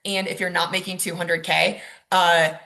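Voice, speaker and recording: A woman's voice: lowish voice, little pitch movement, normal speed, creaky, sharp tone. A woman, a mortgage lender, presenting a webinar over slides in a casual, chatty way with frequent ums and likes.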